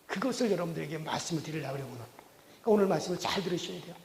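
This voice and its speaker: A man's voice: fairly high pitch, racing, gravelly, a little hiss or hum. A male pastor delivering a sermon with folksy storytelling. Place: church sanctuary. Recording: reverberant church hall.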